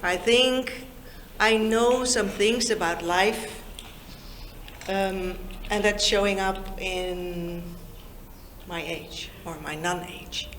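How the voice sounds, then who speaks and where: A Dutch woman in her fifties gives an informal talk to young people in a Lusaka meeting room, drawing them in with questions. She speaks slowly, warmly and chattily in a mid-range voice. The sound is reverberant with slight background noise.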